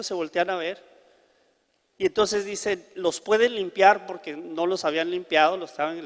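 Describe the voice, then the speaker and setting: A man's voice: sits high, long reverb tail. A man preaching a sermon, telling a story and acting out each person's lines. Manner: animated storyteller acting out dialogue.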